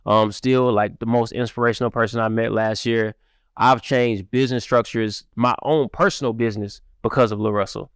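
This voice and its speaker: Guesting on a podcast, this Cleveland man, raised partly in Mississippi, discusses his work in music marketing in a relaxed interview, animated and full of repetitive fillers. His smooth voice moves at normal speed through a boom-arm studio mic, with no echo.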